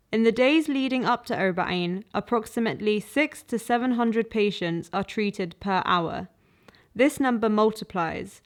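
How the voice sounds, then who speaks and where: A woman reading scripted documentary narration in an even, informative way. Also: mid-range voice.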